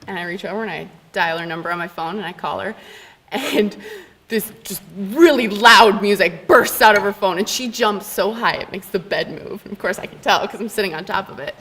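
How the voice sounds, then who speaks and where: Young woman, live storytelling, animated, laughing, dramatic pauses, middle pitch. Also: slightly rough. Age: young adult. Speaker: student storyteller. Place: university event stage.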